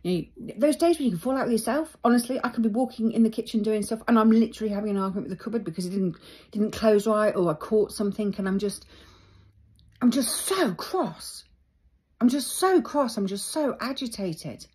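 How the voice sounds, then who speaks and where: A middle-aged woman talking reflectively about her feelings, thoughtful and halting as she searches for words. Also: mid-range voice, warm tone, breathy edge. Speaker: vlogger. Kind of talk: reflective personal talk.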